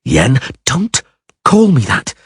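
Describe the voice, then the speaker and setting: A man voicing a fierce, proud sorceress in an audiobook reading, with high, strained cries. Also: wildly swooping pitch, takes it slowly, husky, dry recording, studio quality, heavily acted. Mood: cold.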